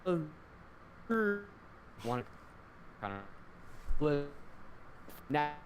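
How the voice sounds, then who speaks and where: A man's voice: on the high side, very animated, extremely slow, slight background noise. Man breaking up in a buffering stutter. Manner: broken-off syllables and fragments. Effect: choppy, buffering stutter from a glitching call connection. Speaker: podcast co-host. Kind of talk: casual chat over a video call. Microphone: video call.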